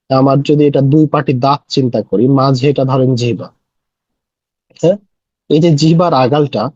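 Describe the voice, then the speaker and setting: A man teaching a casual Arabic lesson, patiently explaining and repeating words slowly. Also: mid-range voice, a little mellow, no room sound, dull audio. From Bangladesh. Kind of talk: casual spoken language lesson.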